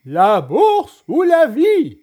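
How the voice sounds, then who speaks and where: Man doing a slow, menacing hooded robber. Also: very high voice, huge pitch swings, warm tone, voice pushed up, exaggerated voice. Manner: slow, drawn-out threatening delivery.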